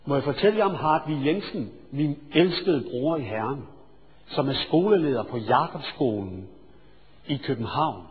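A male preacher telling a sermon story, swinging from hushed asides to loud, excited storytelling. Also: a little high, husky. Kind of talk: sermon with anecdote. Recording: reverberant hall, dull lo-fi sound.

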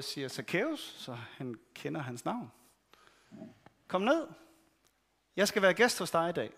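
High-voiced man preaching. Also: a bit bright. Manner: conversational storytelling with quoted voices. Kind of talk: sermon.

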